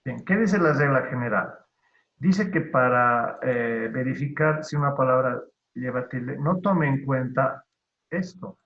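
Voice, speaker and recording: A man teaching an online class, explaining spelling rules slowly and deliberately with pauses. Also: medium pitch, roomy sound. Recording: tinny phone-like online call audio.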